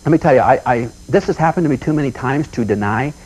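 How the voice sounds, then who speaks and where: A man's voice: mid-range voice, lively intonation, fast talker, darkish tone, husky, poor audio. A man telling folksy stories as a motivational seminar speaker, with punchy repetition.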